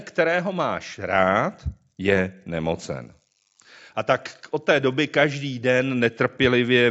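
A man's voice: on the low side, a bit bright, highs cut off. A man reading a scripture passage aloud and then preaching on it, drawing listeners in with rhetorical questions.

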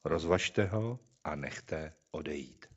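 A man's voice: very deep voice, lively intonation, slightly rough, muffled recording. A man reading a scripture passage aloud and then preaching on it, drawing listeners in with rhetorical questions.

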